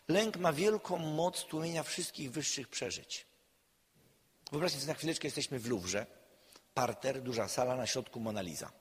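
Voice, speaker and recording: A man, a counselor, giving a public lecture in an emphatic way, swinging between loud and quiet. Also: medium pitch, slightly rough. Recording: long hall reverb.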